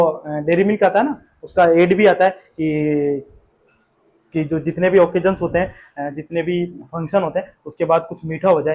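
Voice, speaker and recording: Slight background noise sits behind a man whose voice is on the high side with a darkish tone. He teaches English vocabulary for an exam in an Indian English accent, patient and repetitive, with many fillers and check-in questions.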